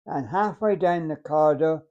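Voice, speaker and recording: A hundred-year-old man, a war veteran telling his memories in a halting, deliberate way. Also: fairly high pitch, muffled recording. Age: 100. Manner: halting, deliberate, acts out remembered dialogue. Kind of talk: unscripted reminiscence, storytelling.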